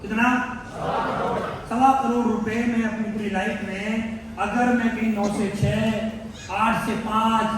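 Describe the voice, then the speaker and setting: High pitched guy firing questions at a seminar crowd, super roomy sound, faint noise behind. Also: little pitch movement, takes it slowly, pauses often. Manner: quizzes the crowd with repeated questions and answers. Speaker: motivational business speaker. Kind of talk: seminar speech to a live audience. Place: large hall. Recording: echoey hall from far off, faint noise.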